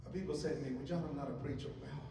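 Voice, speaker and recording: A man's voice: medium pitch, steady tone, very fast, mellow, a little hiss or hum. A middle-aged man preaching a sermon at a church pulpit, talking conversationally and asking the congregation questions. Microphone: handheld microphone. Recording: echoey church hall from a distance.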